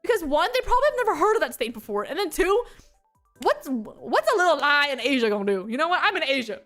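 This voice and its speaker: A woman's voice: high voice, big pitch swings, fast, fairly bright tone, faint music behind. A young woman streamer chatting casually and telling rambling, giggly stories. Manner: rambling and giggly, with frequent laughs and filler words. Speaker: VTuber streamer. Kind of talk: casual chat stream, storytelling.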